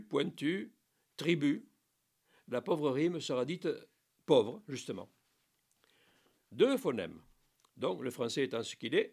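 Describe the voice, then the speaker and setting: A man with a medium-pitched, creaky voice gives a spoken lesson on French verse. He explains in a lively teaching manner, with playful asides and recited lines.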